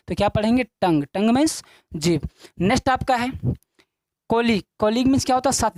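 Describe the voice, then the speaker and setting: Mid-range and a little mellow, with no room sound, this woman's voice carries a classroom-style English video lesson. She drills her students, whom she calls children, repeating each point and answering the questions she poses.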